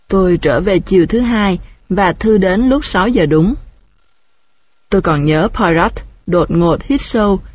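Woman, audiobook narration, husky, low-pitched, steady, dull dry recording. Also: no echo. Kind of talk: audiobook reading.

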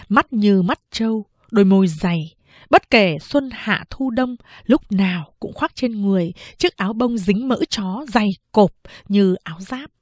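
A woman's voice: mid-range voice, a little mellow, dry recording. Woman narrating a novel in a dry studio. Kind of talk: scripted audiobook narration.

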